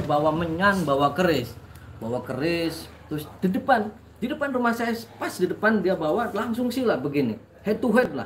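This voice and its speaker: A man with a fairly high voice tells a personal story with animated energy. He acts out the other people in it and often corrects himself as he goes. A faint hum of ambience sits behind him. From Indonesia. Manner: lively, acts out quoted voices, many self-corrections. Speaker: spiritual healer recounting his story.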